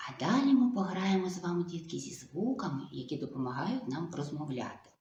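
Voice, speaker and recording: A woman speech therapist giving a video lesson to young children, slow and coaxing, full of sing-song diminutives. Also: on the low side, sing-song, mellow, muffled recording. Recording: echoey room.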